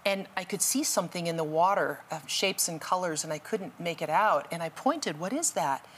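A woman's voice: lowish voice, expressive, normal speed, a bit bright, slight background noise. A woman guest telling a dramatic rescue story as a testimony, then urging listeners with preachy passion. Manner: impassioned, preachy. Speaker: guest speaker.

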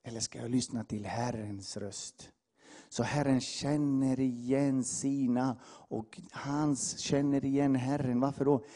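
A male preacher delivers an impassioned sermon in a dark, mellow voice. He pushes hard on his calls to the congregation, then drops low for quiet asides. His carries a slight edge. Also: fairly even intonation. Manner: impassioned, swings from loud exhortation to hushed asides.

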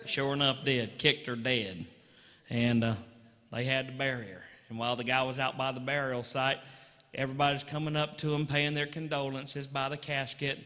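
Folksy, bright-voiced male joke teller. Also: mid-range voice, big-room sound. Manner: folksy, rambling, drawn-out delivery. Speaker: comedic storyteller. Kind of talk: live stand-up joke telling.

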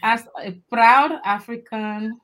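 A woman's voice: a little high, steady tone, takes it slowly, fairly bright tone. A woman from Togo with a Togolese accent, introducing herself conversationally as a guest in an interview. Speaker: guest, advocate and trainer.

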